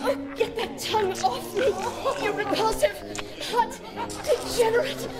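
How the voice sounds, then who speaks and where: Princess Leia, high, defiant voice. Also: female voice, measured pace. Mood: disgusted. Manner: defiant, commanding. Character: defiant young captive princess, fierce and disgusted. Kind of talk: radio drama acting. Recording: loud music and crowd noise behind.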